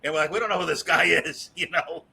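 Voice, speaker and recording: Guy from boston area telling his story in an interview, bright forceful voice, chatty and frank. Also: fairly high pitch, fast, gravelly, slight background noise, poor audio. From Boston area, USA. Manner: frank, chatty, laughs through anecdotes. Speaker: interview guest. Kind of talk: casual conversational storytelling.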